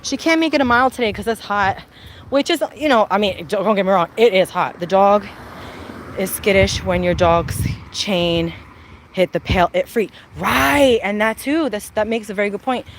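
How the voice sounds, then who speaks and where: A woman's voice: medium pitch, moderate pace, slight background noise. A woman chatting casually on a live stream while walking her dog outdoors, rambling and answering viewer comments. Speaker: vlogger and mother.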